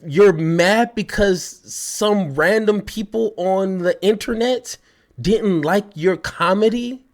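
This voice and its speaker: A man's voice: high-pitched, slow, darkish tone. A man giving an angry reaction commentary, heated and mocking, stumbling over his words when worked up.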